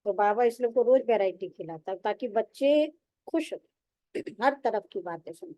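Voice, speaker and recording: A woman's voice: mid-range voice, lively intonation, moderate pace, warm tone, dry recording. A woman spiritual teacher giving a devotional sermon, telling stories with repetition and rhetorical questions.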